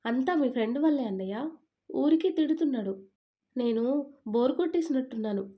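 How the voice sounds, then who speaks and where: A woman's voice: high voice, lively intonation, brisk, dark tone, voice pushed up. A woman voicing a sulky, talkative young newlywed wife in an audio story, complaining in a pouting tone.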